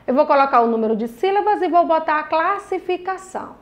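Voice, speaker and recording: A young primary school teacher from Brazil, with a Brazilian Portuguese accent, teaches a recorded lesson to children, patiently encouraging them and drawing out every syllable. Her voice is on the high side, animated, and quick-paced.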